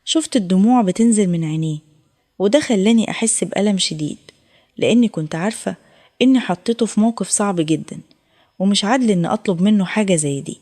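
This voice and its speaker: An Egyptian woman tells an emotional first-person story at a quick, unbroken clip. Her voice is dark and mellow, and her delivery is steady and heartfelt. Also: mid-range voice. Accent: Egyptian Arabic. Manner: emotional, tearful retelling in a steady flow.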